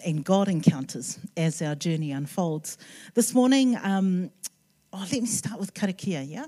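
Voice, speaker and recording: A woman's voice: lowish voice, warm tone. A woman with a Māori-influenced New Zealand accent giving an informal sermon, hesitant and conversational with self-deprecating asides. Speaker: guest preacher.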